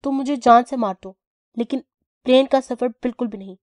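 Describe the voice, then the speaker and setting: A brave yet childish young heroine who whines and pleads, her voice pushed up high, as a woman reading an audio novel puts her on. The tone stays warm and soft-edged. The reading sounds close and dry. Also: no echo, lightly acted. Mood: sulky. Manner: whiny, pleading, raised and pitched up. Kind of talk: audio novel character voicing.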